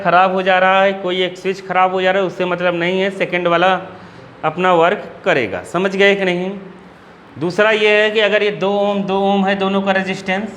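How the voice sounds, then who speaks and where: A man's voice: high voice, a bit bright, slight background noise. A man with an Uttar Pradesh Hindi accent teaching physics to a class, asking again and again whether the students have understood. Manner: repeatedly checks if students understood. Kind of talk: classroom lecture.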